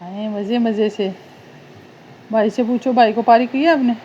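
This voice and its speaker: A woman's voice: on the high side, fairly even intonation, measured pace, mellow, dull audio, slight background noise. A Pakistani woman, a mother at home, coaxing her small child in affectionate, repetitive baby talk. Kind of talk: casual home vlog talking to her toddler. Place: indoors at home, fan running.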